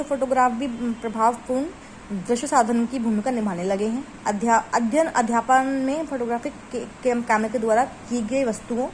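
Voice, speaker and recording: A teacher with a fairly high voice works through study notes, first reading the formal textbook wording, then restating it in casual Hindi peppered with English. The audio is low quality with a faint hiss.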